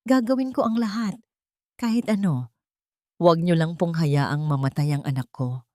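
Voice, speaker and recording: A woman's voice: low-pitched, moderate pace, darkish tone, no echo, studio quality, close to an everyday voice. A woman voicing a desperate young mother begging for her child's life. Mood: pleading.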